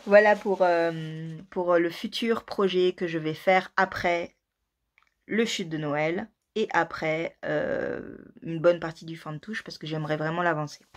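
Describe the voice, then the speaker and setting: Chatty woman, low voice, murmured asides. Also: steady tone, unhurried. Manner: chatty, self-mocking, murmurs asides under her breath. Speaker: knitting podcast host. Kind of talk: casual chat.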